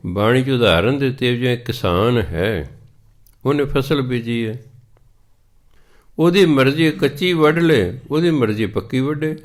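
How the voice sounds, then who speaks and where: Male preacher, sermon delivery, measured pace with drawn-out chanted lines. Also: mid-range voice, expressive. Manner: slow chanted verse quotations between explanations. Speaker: Sikh preacher giving scripture commentary. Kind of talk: katha sermon on scripture.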